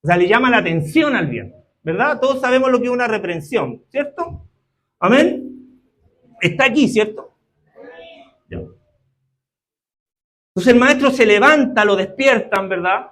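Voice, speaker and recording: Man, preacher, sermon, high voice, asks the congregation for agreement. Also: expressive, measured pace, long pauses, fairly bright tone. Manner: keeps asking the congregation for agreement.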